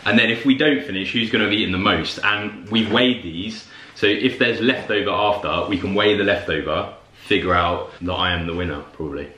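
A man's voice: lowish voice, a little fast, sharp tone. A man co-hosting a food challenge vlog, chatting in a wry, joking way. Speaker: host's partner and co-host. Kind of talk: casual chat on camera. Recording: echoey room, faint music.

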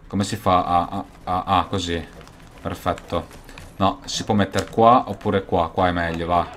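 A young man giving gameplay commentary as a gaming YouTuber, excitable and swearing, now and then bursting into shouts. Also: low-pitched, a little slow, a little hiss or hum.

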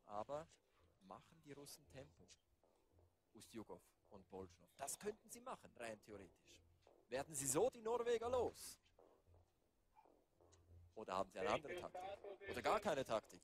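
A man doing live race commentary, building to excited calls near the finish. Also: medium pitch, normal speed, long pauses, slight background noise. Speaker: sports commentator.

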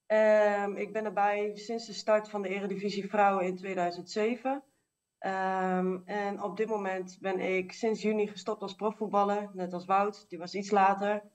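A woman giving earnest interview answers in a halting way. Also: medium pitch, level tone. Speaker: guest, technical manager. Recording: voice distant from mic.

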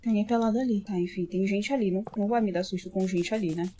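A woman's voice: mid-range voice, steady tone, fast, dark tone, a little hiss or hum. Jumpy, swearing woman gamer. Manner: jumpy, swears a lot, frequent startled yelps. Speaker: gamer streamer. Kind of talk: horror game let's play commentary.

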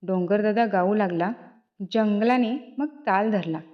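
A woman's voice: mid-range voice, measured pace. Woman reading a children's story. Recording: dull lo-fi recording.

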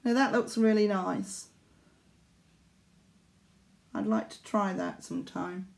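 A woman's voice: mid-range voice, fairly even intonation, takes it slowly, vocal fry, a little mellow. A middle-aged woman, chatting casually to camera in a hesitant, rambling way, recorded at arm's length in a living room. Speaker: needlework vlogger. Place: small living room indoors.

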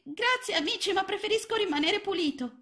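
A woman voicing a small, timid young boy frog who is fussy about staying clean, in a high, childlike, plaintive voice. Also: expressive, brisk, a bit bright. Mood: earnest plaintive.

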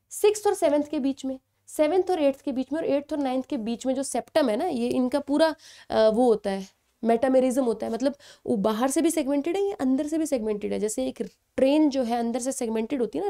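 A young woman delivers an exam-prep biology lecture in a fairly high, mellow voice. She explains step by step, poses questions to her students and checks in with them often. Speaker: biology teacher.

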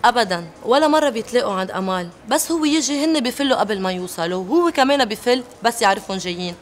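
A woman's voice: fairly high pitch, expressive, very fast, a little hiss or hum, lightly acted. An actress playing a woman reporting gossip, with a Lebanese accent, in a TV drama. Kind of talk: TV drama acting.

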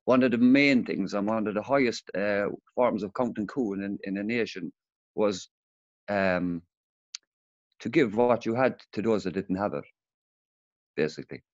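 Man on a video call whose stream keeps breaking up. Low, rambling and halting. Dull, dry lo-fi call audio. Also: no room sound. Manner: rambling, halting, many restarts. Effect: voice breaking up over a dropping call stream. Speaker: meeting participant. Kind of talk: casual group discussion.

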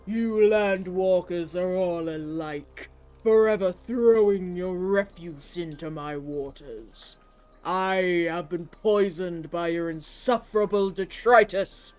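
A woman voicing a proud, distrustful giant male sea serpent with a slow, loud, booming delivery while reading game dialogue. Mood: aggrieved.

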